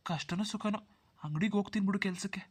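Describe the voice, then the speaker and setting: A man's voice: sits high, fast talker, slightly rough. A man voicing a poor, anxious young village brother in a cartoon, who talks in a pleading, self-pitying way. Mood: worried. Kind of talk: Kannada cartoon dubbing.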